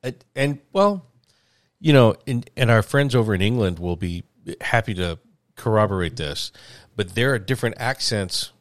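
A middle-aged man with a low voice, chatting casually as a podcast co-host. He rambles, stops and restarts, with plenty of fillers. The sound is dry and close. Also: animated, moderate pace, no room sound. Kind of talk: casual chat.

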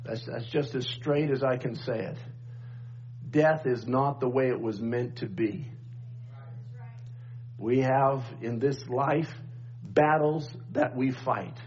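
A middle-aged man preaching a sermon at a church pulpit microphone as pastor, plain-spoken, pausing and repeating phrases for emphasis and calling for amens. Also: mid-range voice, a little mellow. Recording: dull, noisy church recording with hum.

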